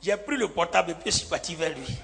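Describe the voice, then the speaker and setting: Speaking at a quick pace in a gravelly, slightly high voice, this pastor acts out the characters' lines of a sermon story with animation and frequent laughter. He was recorded live in a reverberant hall, where long reverb and faint music linger.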